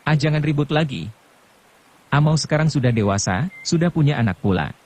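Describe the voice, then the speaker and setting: A man's voice: on the high side, expressive, fairly quick, darkish tone. A man voicing an easygoing old male farmer who teases his wife in an audiobook. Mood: teasing. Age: older. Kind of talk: audiobook narration.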